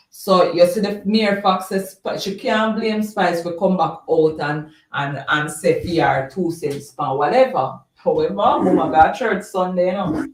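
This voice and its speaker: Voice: mid-range voice, recorded from a distance. Rambling Jamaican live-stream host, off-mic. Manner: rambling, repeats words, laughs often. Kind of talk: casual live-stream chat, reading viewer comments. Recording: roomy sound, voice off-mic.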